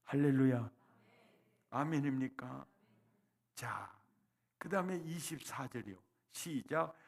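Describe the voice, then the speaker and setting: A male pastor preaching a revival sermon, leading the congregation in call-and-response and swinging from soft lines to loud cries. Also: mid-range voice, slow pace, vocal fry. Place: church sanctuary.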